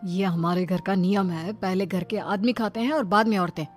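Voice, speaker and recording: Traditional village man read by a woman, mid-pitched female register, insistent and admonishing, cartoon moral tale. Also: steady tone, normal speed, soft background music, close to an everyday voice. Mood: pleading. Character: conservative village husband and stern menfolk, scolding and pleading.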